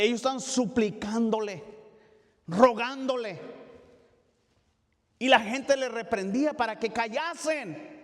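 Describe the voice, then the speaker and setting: A man with a fairly high voice preaching a Bible study in a church, and his words ring out with a long echo. He talks in a halting way, restarts often, fills gaps, and keeps checking in with the congregation. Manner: halting, with frequent fillers and restarts, asking "¿verdad?". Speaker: pastor. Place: church sanctuary.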